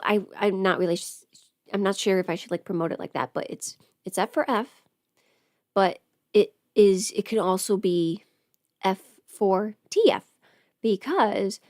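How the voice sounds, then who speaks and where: A woman with a cold hosts a livestream as an audio script performer, rambling casually in a self-deprecating, playfully sarcastic way. Her medium-pitched voice has a darkish tone, and the clean studio recording has no room sound.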